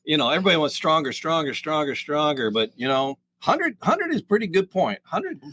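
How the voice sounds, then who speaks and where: A man's voice: fairly high pitch, big pitch swings, brisk, bright, forceful tone, no echo. A man co-hosting a casual whiskey tasting podcast, joking and rambling as he talks. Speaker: podcast co-host.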